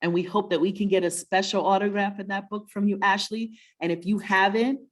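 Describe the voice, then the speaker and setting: This woman co-hosts a children's story webinar at a brisk clip, her medium-pitched voice holding a steady tone. She chats casually, warmly and encouragingly, motivating listeners and often checking in with questions.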